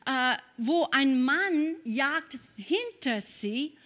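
A woman from Kentucky, preaching a sermon and telling a personal story with lively storytelling and prayer in tongues. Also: high voice, very slow. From Kentucky, USA.

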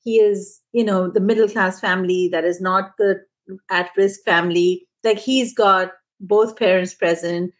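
A woman's voice: medium pitch, fairly even intonation, measured pace. A woman who trains teachers, telling an anecdote in a conversational podcast. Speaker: early-childhood trainer.

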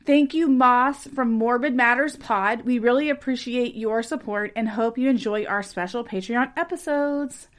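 A woman's voice: on the high side, normal speed, few pauses. An American woman hosting a podcast as a conversational true crime narrator, mixing narration with casual chat. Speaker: podcast host.

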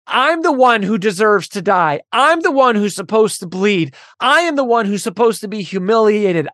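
A woman's voice: a little high, no echo. A woman speaks close to the mic in a dry, dead room. She is hosting a faith podcast and preaches with earnest conviction. She drives her points home through repeated, intensifying phrases. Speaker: podcast host. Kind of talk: religious teaching monologue.

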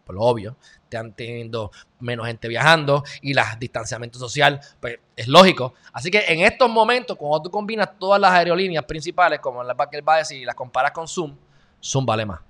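A Puerto Rican man who hosts videos speaks with a Puerto Rican Spanish accent, talking fairly quickly in a mid-range voice with a fairly bright tone. For his viewers he offers loose, chatty commentary on the news, full of joking asides.

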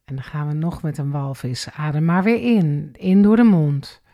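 A woman calmly guiding a relaxation and breathing exercise step by step, counting the breaths. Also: deep voice. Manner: slow, calm step-by-step guidance with counted breaths. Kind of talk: guided exercise instruction.

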